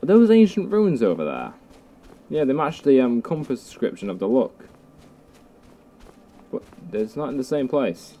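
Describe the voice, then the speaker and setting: Excitable young man commenting on a game. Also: mid-range voice, normal speed, pauses often. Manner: jokey, excitable, talks to enemies. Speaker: gameplay commentator. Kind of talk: casual let's play commentary.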